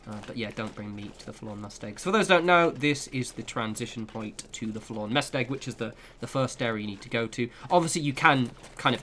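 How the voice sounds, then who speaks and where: A gaming video creator gives a casual, rambling walkthrough of a video game from his room at home, with flatmates nearby. He's chatty and full of asides and hedging fillers like "kind of" and "sort of." His mid-range voice has a fairly bright tone, and there's slight background noise.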